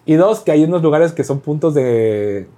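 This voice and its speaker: A man with a Mexican Spanish accent chatting casually on a podcast, telling lively stories, acting out dialogue and swearing freely. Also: fairly high pitch, normal speed. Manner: animated storytelling, acts out dialogue, swears freely. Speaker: podcast talker recounting delivery work.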